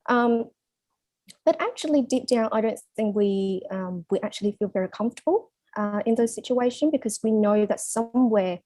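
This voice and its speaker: Woman, interpreter, halting speech, many um and uh, dark mellow tone, dry close sound. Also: mid-range voice, no echo. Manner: halting, many fillers and restarts. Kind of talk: spoken interpretation into English.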